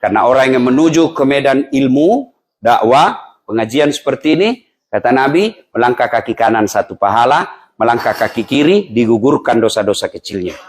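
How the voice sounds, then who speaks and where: A man preaching a humorous, animated sermon in a mosque, acting out quoted voices. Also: mid-range voice, moderate pace. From Indonesia. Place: mosque hall.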